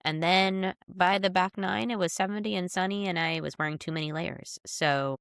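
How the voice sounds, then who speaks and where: A woman co-hosting a sports podcast in casual chat, sounding nasal from a cold, chatty and animated. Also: lowish voice, normal speed, gravelly, smooth, no echo, clean studio sound. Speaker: podcast co-host.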